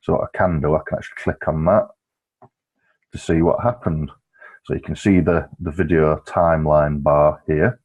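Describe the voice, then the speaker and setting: A man with an extremely low, husky voice walks through software as a tutor. He speaks in a flat, even tone, relaxed and explanatory, dropping in frequent ums and uhs. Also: normal speed, phone-quality sound. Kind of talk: screen-recorded software walkthrough.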